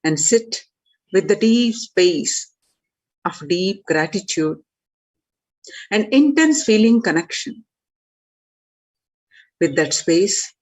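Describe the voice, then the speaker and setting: A woman presenter giving a scripted announcement and then leading a guided meditation in a slow, measured, reverent way. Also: mid-range voice, expressive, a little mellow, poor audio.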